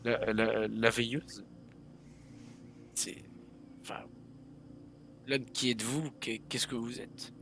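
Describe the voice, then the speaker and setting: A man's voice: medium pitch, fairly even intonation, slow, vocal fry, long pauses, a bit bright, slight background noise. A man playing in a tabletop game, chatting playfully and speaking as his character. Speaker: player. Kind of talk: casual chat and in-character play in a tabletop game.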